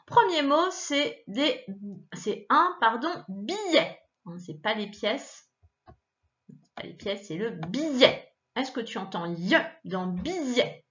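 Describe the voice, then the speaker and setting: A woman teacher giving a child a reading lesson, patiently sounding out syllables and repeating words, her pitch jumping up when she stresses a point. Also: big pitch swings, slow, fairly bright tone, highs cut off. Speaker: primary school teacher.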